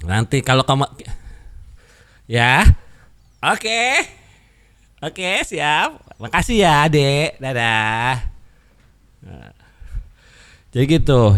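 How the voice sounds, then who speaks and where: A man chatting casually to camera, rambling in slang and bantering with a child nearby. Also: on the low side. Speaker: content creator.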